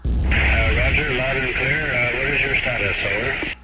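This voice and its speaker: A man acting as ground capsule communicator, speaking in clipped radio procedure with calm readbacks over a crackly space-mission radio transmission. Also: medium pitch, unhurried, over loud music. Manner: calm, methodical, repeats readbacks. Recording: archival radio with loud hiss.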